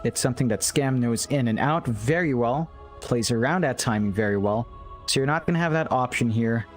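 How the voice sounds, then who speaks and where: A man casting an esports match, giving quick analytical draft commentary with stammered restarts. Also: medium pitch, soft background music. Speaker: esports caster.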